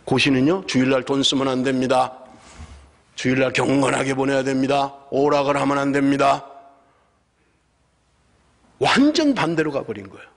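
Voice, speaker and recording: A man's voice: medium pitch, normal speed, pauses often. A middle-aged man from South Korea preaching a sermon as a pastor, telling personal stories and building to emphatic exhortation. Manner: animated storytelling, rising to emphatic exhortation. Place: church sanctuary. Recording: long church hall reverb.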